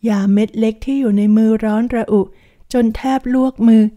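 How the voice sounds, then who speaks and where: Woman narrator for an audiobook, slightly high, mellow, calm and measured. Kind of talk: reading a translated historical romance novel.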